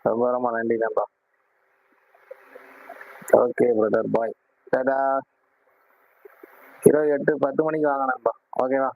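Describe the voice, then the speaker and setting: A man hosting a casual live stream, greeting viewers warmly and repeatedly asking them to like and subscribe. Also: medium pitch, little pitch movement, takes it slowly, pauses often. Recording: tinny phone-like sound.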